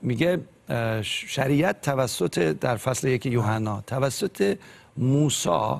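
Earnest young man with a gravelly voice. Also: mid-range voice, expressive. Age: 20s. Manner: earnest, hesitant with fillers.

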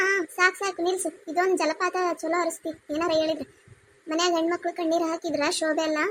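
A woman voicing a bossy, strict village mother-in-law with a North Karnataka Kannada accent, scolding and commanding. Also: extremely high pitch. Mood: mocking.

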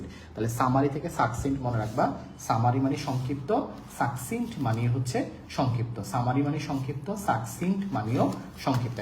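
A man's voice: medium pitch, a little hiss or hum. Man drilling vocabulary in a live class. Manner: repetitive drilling of words and meanings; addresses students directly, asking check questions. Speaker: teacher. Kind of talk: live online vocabulary lesson.

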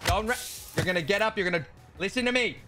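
A man streaming a shooter game, commenting loudly and teasing the strangers he meets. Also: high voice, fast talker, background noise. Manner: loud, playful, teasing. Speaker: gaming streamer. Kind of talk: excited gameplay commentary and trolling.

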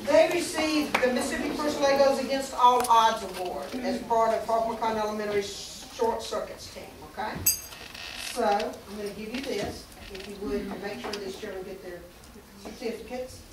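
A middle-aged woman on a school board reads out names and thanks students while presenting awards at a public meeting. Her voice is fairly high and her pace normal. A distant camera in a large, echoey room picked her up, and the recording is noisy.

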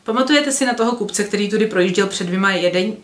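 Lady doing calm curious innkeeper guy, quiet, kinda distracted, echoey. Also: mid-range voice, natural voice. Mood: musing. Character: calm, curious red-haired male innkeeper. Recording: roomy echo.

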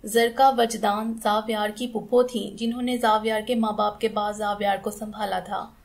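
A woman narrating a romantic novel as an audiobook, in a steady, expressive storytelling style. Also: mid-range voice, moderate pace, creaky.

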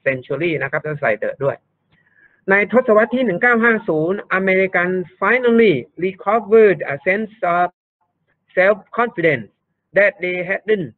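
Guy tutor going over grammar reeeal slow, thin phone-line sound. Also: high voice, lively intonation, no echo. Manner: slow, repeats words, explains step by step. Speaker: university English tutor. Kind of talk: online grammar lesson.

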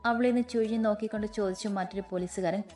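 A woman's voice: mid-range voice, steady tone, rapid-fire, darkish tone. A woman narrating a romantic audiobook story, reading each character's lines in her own narrating voice. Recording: faint background music.

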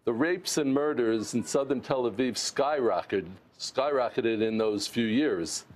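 An American former mayor in his sixties, his voice medium-pitched and slightly mellow, speaks earnestly in a remote television interview. He restarts his sentences often, captured on a lapel mic in a remote studio.

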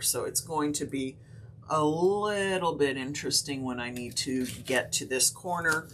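A woman craft instructor teaches a technique on a live stream, walking through each step in a relaxed, chatty manner full of fillers and short hiccups. Her voice is low-pitched, with a little hiss or hum in the recording.

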